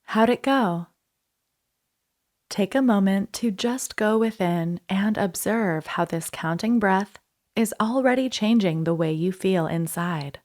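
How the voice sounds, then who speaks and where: A woman guides a breathing meditation as an instructor. Her pace is very slow and soothing, with space between short phrases. Her voice sits at a medium pitch for a woman. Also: darkish tone. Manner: soothing, unhurried instruction with pauses.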